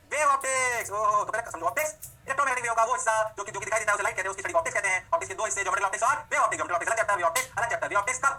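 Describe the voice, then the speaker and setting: A man teaching physics in a fast revision lecture. He asks questions and answers them himself, slips English phrases into his Hindi, and adds playful "oh ho ho" sounds. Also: high-pitched, pushed and bright, a little hiss or hum.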